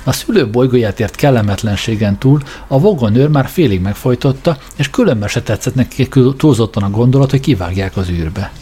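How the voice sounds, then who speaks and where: Male audiobook narrator, measured. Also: mid-range voice, lively intonation, dark tone, husky. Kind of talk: scripted narration.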